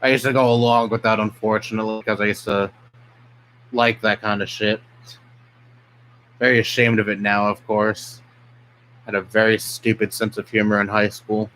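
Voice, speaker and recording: A man's voice: lowish voice, level tone, normal speed, long pauses, a bit bright, a little hiss or hum, rough recording. Profane young man ranting on stream. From New York City. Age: young adult. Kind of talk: casual live-stream chat.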